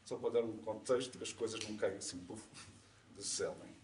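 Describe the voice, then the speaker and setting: Quick and fairly low, with a darkish tone and even intonation, this European Portuguese-accented man presents conversationally at a community conference, explaining things and regularly checking that listeners follow. The audio, captured live in an indoor room, sounds echoey and distant, with slight noise.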